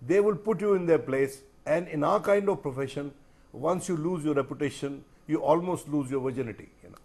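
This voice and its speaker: Speaking a little fast in a slightly high voice with a darkish tone, an Indian-accented man, a journalist guest on a panel, delivers emphatic, rhetorical remarks and repeats phrases to give them weight.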